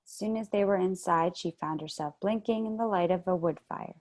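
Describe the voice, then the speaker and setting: A woman reading a children's novel aloud in a calm, even storytelling manner, heard over a video call. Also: lowish voice, a little fast. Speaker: children's read-aloud host.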